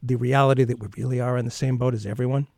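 A man's voice: medium pitch, little pitch movement, very fast, creaky, a little mellow, no echo, clean studio sound. A man from the United States hosting a radio interview, asking questions with conversational, sarcastic asides. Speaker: radio host.

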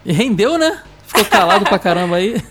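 A man's voice: sits high, big pitch swings, fairly quick, fairly bright tone, breathy edge. A Brazilian man hosting a podcast in casual, chatty speech. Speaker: podcast host.

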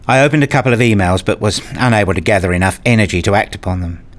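Speaking quickly in a fairly low voice with light acting, a man voices a tired, fed-up husband and father in a radio drama, delivering soothing, reasoning dialogue and first-person narration.

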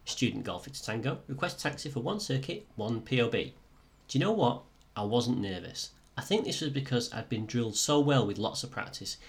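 A man with a slightly croaky, sore-throat voice, presenting a podcast as scripted first-person storytelling. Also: mid-range voice. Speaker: podcast host and student pilot.

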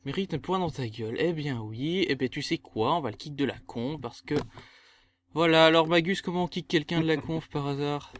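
A man hosts a casual gaming podcast, his voice sitting a bit higher than most men's. He jokes with his co-hosts in teasing, exasperated banter. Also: normal speed, slight background noise. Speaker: podcast host. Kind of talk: casual chat.

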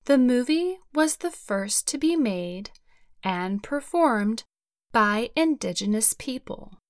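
A woman reading a scripted report with slow, careful, measured and explanatory delivery. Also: fairly high pitch, expressive, no echo, studio quality. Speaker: narrator of a learning-English news report.

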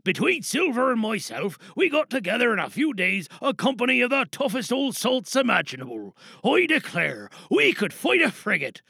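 An actor voicing a stiff man who reads a formal letter in a measured, lower voice. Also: big pitch swings, gravelly, sharp tone, husky, dry recording, full character voice.

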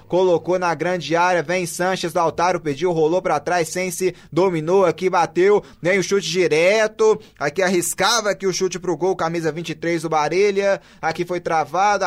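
A Brazilian man with a high voice gives running commentary on a live football match. He works as the play-by-play caller, moving along in short phrases that track the ball. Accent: Brazilian Portuguese.

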